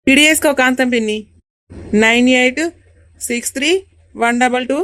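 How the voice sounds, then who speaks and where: A woman voicing a polite young village boy with a Telangana Telugu accent, speaking earnestly in an animated comedy. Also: sits high, normal speed, no room sound, studio quality. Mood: helpful.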